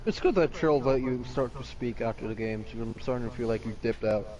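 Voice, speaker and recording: A man casting a live esports match, animated and chatty with lots of filler words. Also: medium pitch, brisk, faint music behind, poor audio. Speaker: esports caster. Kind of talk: live game commentary. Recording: background noise.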